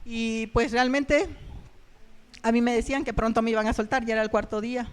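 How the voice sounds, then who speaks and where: A woman giving a personal testimony in church, telling her story earnestly and haltingly with many fillers. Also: fairly high pitch, little pitch movement, clear, resonant tone. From Mexico.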